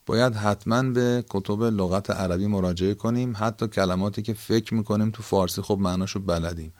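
A man's voice: lowish voice, steady tone, a little mellow, no room sound. A man with an Iranian Persian accent giving a conversational, explanatory Quran lesson, rephrasing key points as he teaches. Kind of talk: explanatory lesson on word meanings.

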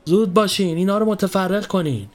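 A man's voice: sits high, pitched above the performer's own voice, natural voice. A man voicing a short young police officer barking orders at a crowd, in a storybook reading. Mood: commanding. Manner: barking commands.

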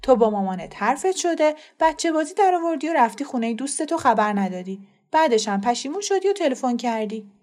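A woman reading aloud who voices a calm, quick-thinking mother, reassuring and brisk. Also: sits high, voice pushed up. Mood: soothing.

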